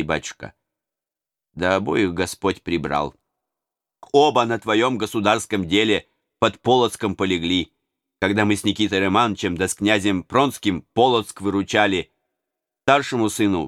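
A man's voice: on the low side, moderate pace, a bit bright, no room sound, clean studio sound, close to an everyday voice. A man reading an audiobook and voicing a humble old male servant who talks in a plain, folksy, deferential way. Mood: mournful. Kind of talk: audiobook character voice.

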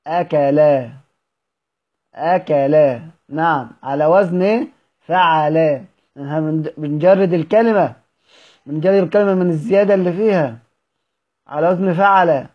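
A man with an Egyptian Arabic accent teaching Quran recitation in a recorded lesson. He asks questions, answers them himself and draws out example words slowly. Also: on the high side, highs cut off.

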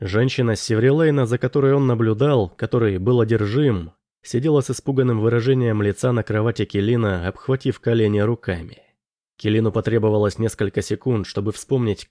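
Guy narrating an audiobook, steady measured reading, dead dry sound. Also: fairly low pitch, dry recording.

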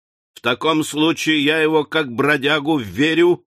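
A man's voice: fairly high pitch, a little slow, fairly bright tone, no room sound. Male reader voicing a self-important hothead judge in an audiobook, blustering, dry studio sound. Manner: blustering, bullying. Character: pompous irascible male provincial magistrate. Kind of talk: audiobook character voice.

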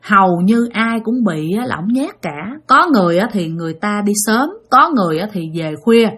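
A woman's voice: mid-range voice, expressive, fairly quick, fairly bright tone, breathy edge. A woman with a Southern Vietnamese accent telling a ghost story in a chatty, casual way, addressing her listeners directly.

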